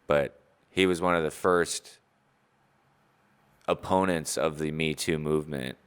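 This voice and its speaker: A man co-hosting a casual podcast chat, rambling and joking with loud outbursts. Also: very deep voice, steady tone, measured pace, clean tone. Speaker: podcast co-host.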